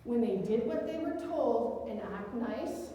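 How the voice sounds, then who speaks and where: A woman researcher gives a conversational academic lecture, slipping into the voices of the people she quotes. Her voice sits a little high with a mellow, soft tone. It is picked up from a distance in a very echoey hall with a long reverb. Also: expressive, unhurried, slight background noise. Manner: conversational, acts out the quoted words of women. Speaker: researcher giving a talk.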